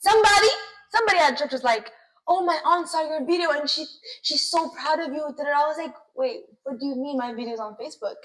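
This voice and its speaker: A young woman, her voice high and bright in pitch. She tells her story quickly and with emphatic energy in a casual chat. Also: animated, low-quality recording. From United States. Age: young adult. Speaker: co-host.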